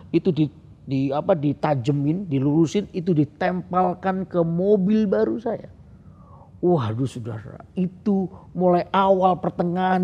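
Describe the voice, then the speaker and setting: A man, preaching a sermon through a funny personal story, animated and laughing at himself. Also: on the high side, breathy edge, lo-fi sound. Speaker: pastor.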